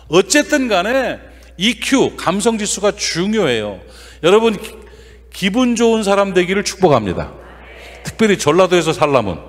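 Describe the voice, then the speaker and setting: A man preaching a revival sermon as guest pastor in a church, folksy and lively, throwing quick questions at the congregation. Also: sits high, long reverb tail. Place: church sanctuary.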